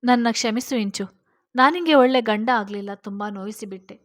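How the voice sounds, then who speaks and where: A woman's voice: on the high side, moderate pace, close to an everyday voice. Guilty teary husband, a cop, a woman reading him, apologetic. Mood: remorseful. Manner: apologetic, tearful. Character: husband Satvik, a policeman, remorseful and tearful.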